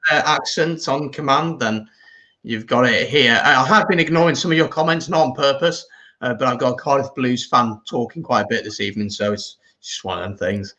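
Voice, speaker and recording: A man's voice: medium pitch, fairly quick, sharp tone, low-quality recording. A man hosting a casual live rugby watch-along, chatting and reading out viewer comments. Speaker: watch-along stream host.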